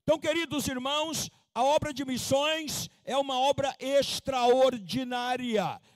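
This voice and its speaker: A missionary preacher in his seventies, from Minas Gerais, delivers a sermon in a strikingly high voice. He reads scripture slowly and stresses his points with fervor. The sound is dry and close, with no room echo. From Minas Gerais, Brazil. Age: 70s. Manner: slow emphatic scripture reading, rising to fervent preaching. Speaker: missionary pastor.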